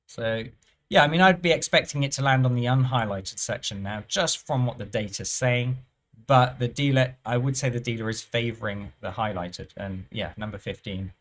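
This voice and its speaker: A man's voice: mid-range voice, fairly bright tone. Man musing over live roulette. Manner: musing, unhurried, trails off and restarts phrases. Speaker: roulette strategy presenter. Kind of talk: thinking-aloud commentary over live play.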